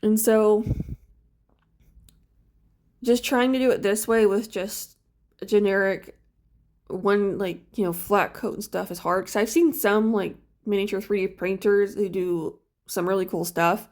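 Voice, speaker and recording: With a steady, mid-range, darkish voice, a crafts vlogger talks a little slowly and leaves long pauses. She has just woken up and rambles casually, full of fillers, while painting a small figure for her vlog.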